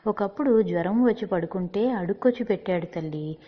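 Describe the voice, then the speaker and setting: A woman's voice: mid-range voice, a little fast, lightly acted. A woman voicing a poor grieving old man who speaks pleadingly, in a dull recording with long reverb.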